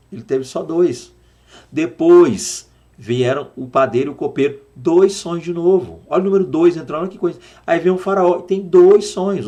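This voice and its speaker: A man with a Brazilian accent teaching a Sunday school Bible lesson, animated and full of rhetorical questions, slowing down to spell out words. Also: medium pitch. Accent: Brazilian Portuguese. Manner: dramatizes quotes, slowing down to spell out Hebrew words.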